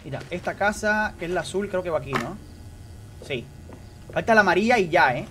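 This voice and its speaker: A man with a high, lively voice streams a game live, talking straight to his chat. He repeats himself in quick bursts. Faint noise sits under his desk mic. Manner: excitable, repeats phrases, addresses chat directly. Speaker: gaming streamer. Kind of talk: live gameplay commentary.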